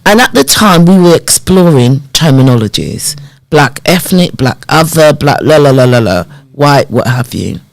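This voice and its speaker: A woman in her fifties tells her story as a podcast guest, her pitch swinging up and down as she plays out old conversations. Her voice is recorded close and dry, with no room around it. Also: moderate pace, no room sound, low-quality recording. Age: 50s. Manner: animated storyteller who acts out remembered dialogue. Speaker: podcast guest, community development worker. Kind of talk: personal storytelling in a podcast interview.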